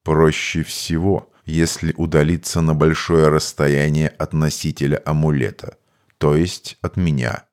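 A man voicing a calm, cryptic male mage in an audiobook, measured and matter-of-fact. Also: a bass voice, voice pushed down. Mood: explaining. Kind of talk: audiobook character voice.

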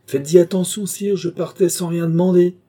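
A man voicing a proud, sharp-tongued woman, a royal favourite, who speaks in a haughty, mocking way. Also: mid-range voice, moderate pace, lightly acted. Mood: defiant.

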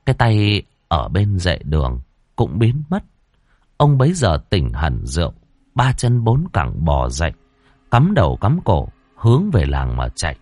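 A male storyteller reading a ghost story with a low, lively voice that rises and falls dramatically. The sound is dry and close, with no room echo. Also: unhurried.

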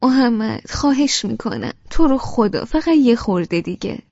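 A woman's voice: mid-range voice, a little mellow, dry recording, long reverb tail, close to an everyday voice. Woman reading a stubborn, sensitive young wife. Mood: pleading. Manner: hurt, stubborn, pleading. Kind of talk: audiobook character reading. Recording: dull lo-fi audiobook recording.

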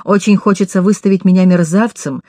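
A woman reading an audiobook voices a calm, stern young man who speaks curtly and with contempt. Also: medium pitch, a little fast, no room sound, lightly acted. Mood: cold, contemptuous. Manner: cold, curt, contemptuous.

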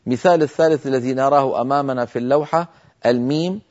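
This muffled broadcast captures a mid-range male voice teaching recitation on television. He goes through each rule calmly before slowly demonstrating it, stretching out the nasal sounds at length.

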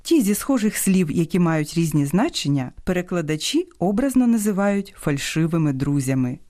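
A woman's voice: lowish voice, normal speed. A woman with a Ukrainian accent hosting a scripted radio talk on language, teaching in a didactic way and stressing her examples. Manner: didactic, lively intonation with emphatic examples. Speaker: radio host.

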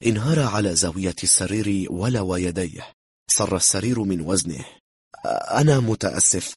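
A man reading a thriller novel aloud in a steady, measured narrating voice. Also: low voice, husky, no room sound, studio quality. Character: calm, cool-headed man bluffing.

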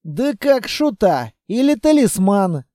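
Guy reading an audiobook doing a rough bossy wiry dude, gruff slangy mocking, dark dry sound. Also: sits high, very animated, takes it slowly, no room sound, full character voice. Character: brash wiry adult male scavenger, bossy and mocking. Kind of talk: audiobook character voice.

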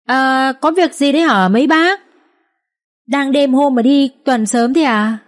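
A woman playing a sharp-tongued peasant wife. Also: medium pitch, moderate pace, close to an everyday voice. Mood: mocking. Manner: nagging, mocking.

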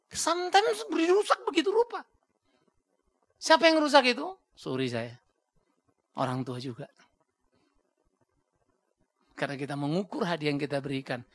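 A man's voice: a little high, huge pitch swings, moderate pace, pauses often, a bit bright, dry recording. A man preaching a sermon bluntly and with energy, acting out the voices he quotes and dropping English words into his talk. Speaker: pastor.

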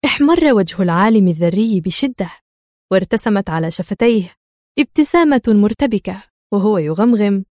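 A woman reads a thriller audiobook in a measured, expressive voice. Her pitch sits in a natural mid range. The recording is close and very dry. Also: no room sound. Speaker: audiobook narrator. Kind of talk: dramatic audiobook narration.

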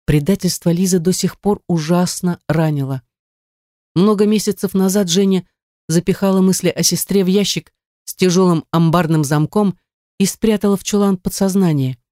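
A woman narrating a story in an even, close storytelling manner. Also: fairly low pitch, moderate pace, no room sound. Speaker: audiobook narrator. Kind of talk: scripted narration.

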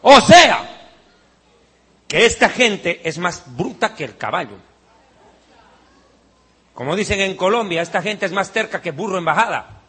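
Brief: male preacher, high and husky, scornful and fiery, bursts into shouts. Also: lively intonation, unhurried, pauses often. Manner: mocking, heated preaching with sudden shouts. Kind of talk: sermon.

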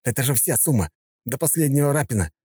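A man's voice: medium pitch, animated, fast, darkish tone, slightly rough, no room sound, studio quality, voice pushed up. A man voicing a desperate young debtor who speaks in a strained, pleading way.

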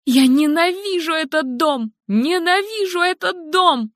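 A woman's voice: animated, a little slow, fairly bright tone, no room sound, clean studio sound, exaggerated voice. Helen, a woman voicing a frantic mother. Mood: hysterical. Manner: shrill, sobbing, near-hysterical. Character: frantic grieving young mother, distraught. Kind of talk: audiobook character voicing.

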